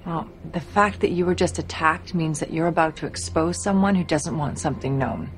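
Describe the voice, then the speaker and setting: An actress playing a calm, probing, wry female confidante with a measured, analytical manner in a TV drama. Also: deep voice, faint music behind, close to an everyday voice. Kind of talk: naturalistic TV drama acting.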